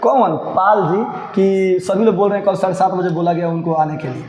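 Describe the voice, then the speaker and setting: A man's voice: sits high, normal speed, a little mellow. A man teaching a story line by line, repeating phrases, checking understanding and calling students "babu". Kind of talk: line-by-line lesson explanation. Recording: echoey hall with faint noise.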